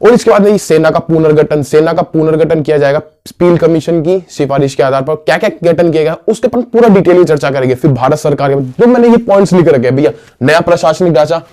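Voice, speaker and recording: Casual history teacher, slightly high voice. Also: male voice, expressive, fast talker, hardly any pauses, mellow. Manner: casual, asks and answers his own questions; calls listeners "bhaiya". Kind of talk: exam-prep history lesson.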